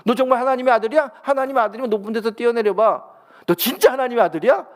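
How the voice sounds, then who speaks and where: Pastor putting on a sneering satan voice, pitched way up, jabbing question after question. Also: male voice, lively intonation, rapid-fire. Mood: taunting. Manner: mocking, repeated needling questions. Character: taunting male Satan tempting, sly and persistent.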